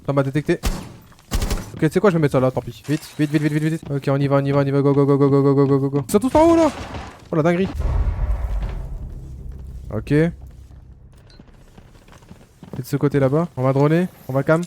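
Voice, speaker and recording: Fast-talking excitable gamer man. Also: mid-range voice, a little hiss or hum. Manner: excitable, slangy, talks to viewers while playing. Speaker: gaming YouTuber. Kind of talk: live gameplay commentary.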